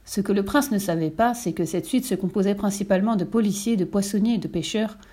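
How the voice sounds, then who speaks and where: A woman narrating a storybook aloud in a steady, expressive way. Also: medium pitch, fast talker, husky. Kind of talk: storybook reading.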